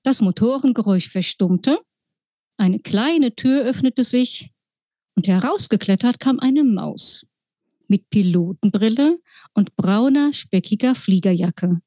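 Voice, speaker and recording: A woman author reading her children's book aloud in a slow, deliberate storytelling manner. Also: fairly high pitch, expressive, a little mellow, dry recording.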